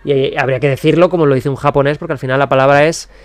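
A man's voice: mid-range voice, fairly even intonation, racing, no room sound. A man with a Spain Spanish accent hosting a casual streamer chat, rambling and thinking aloud with lots of fillers. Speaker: show host.

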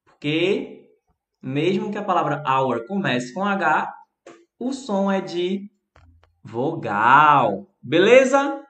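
An English teacher with a Brazilian Portuguese accent gives a chatty live-streamed lesson, answering viewers by name. His voice is a little high, bright and very animated, his pace slow, and the room has an echo.

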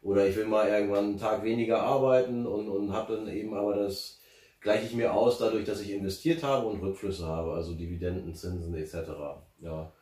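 Man, low voice, rambling with fillers, echoey room, far from mic. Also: steady tone, a little fast, a little mellow. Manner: rambling, many fillers and restarts. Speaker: interview guest, finance blogger. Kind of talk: casual interview. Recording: roomy, distant from mic.

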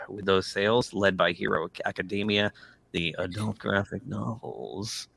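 Deep, gravelly male podcast host reading a news item; his line echoes back, with stops and restarts. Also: fairly bright tone, a little hiss or hum. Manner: halting, restarts when he stumbles. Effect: echo of his own voice on the call. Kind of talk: casual chat reading news.

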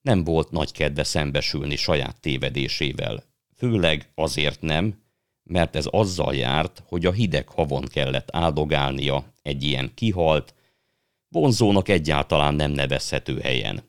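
Man, audiobook narration, extremely deep voice, calm measured storytelling. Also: no room sound, clean studio sound. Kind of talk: audiobook reading.

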